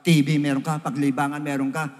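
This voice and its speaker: A man's voice: level tone, fast. Older man preaching in a reverberant hall. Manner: storytelling, swinging between loud emphatic peaks and low hushed asides. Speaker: pastor. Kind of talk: Father's Day sermon. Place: church hall.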